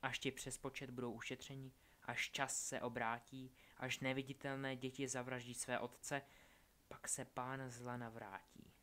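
A man's voice: medium pitch, flat delivery, pushed and bright, close to an everyday voice. A man voicing a cruel, scheming young witch who taunts and threatens. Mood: menacing. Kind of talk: audiobook character voice.

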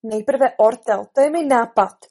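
A woman's voice: high-pitched, expressive, darkish tone, slightly rough. A woman doing a bold, indignant little girl. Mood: defiant. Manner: indignant and defiant.

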